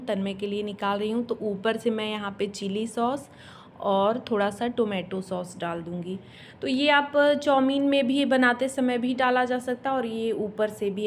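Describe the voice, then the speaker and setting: Chatty woman home vlogger, higher voice. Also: slight background noise. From India. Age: adult mother. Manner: chatty and explanatory, with homely asides. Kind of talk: casual voice-over narration of a home cooking and cleaning vlog.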